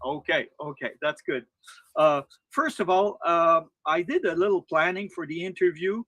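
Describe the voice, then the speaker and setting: Brief: male interviewer, native French with Quebec accent, halting phrasing, fairly high bright voice, dry close sound. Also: dry recording. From Quebec, Canada. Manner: halting, searching for words in English. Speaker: interviewer, channel host.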